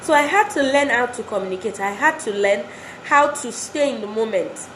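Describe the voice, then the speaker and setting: A woman's voice: a little high, lively intonation, moderate pace, a bit bright. A woman giving an earnest motivational talk to wives, exhorting and repeating phrases for emphasis. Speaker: speaker addressing wives. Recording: roomy echo, faint background noise.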